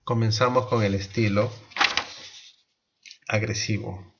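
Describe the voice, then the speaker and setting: A man teaching a class, explaining slowly, asking the students questions and restarting his sentences often. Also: on the low side, steady tone, a bit bright, highs cut off, slight background noise. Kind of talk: online class lecture.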